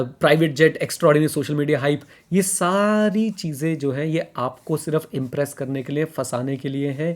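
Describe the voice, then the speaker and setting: Emphatic man co-hosting a podcast. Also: on the high side. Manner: emphatic, repeats points, mixes in English phrases. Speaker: podcast co-host. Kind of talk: casual podcast discussion.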